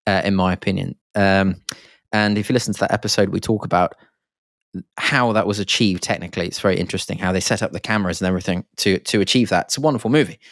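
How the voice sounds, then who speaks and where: A man's voice: sits low, fast talker, a bit bright, dry recording, studio quality. A man hosting a podcast, rambling and enthusiastic, with lots of fillers and restarts. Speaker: podcast host. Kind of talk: casual podcast monologue.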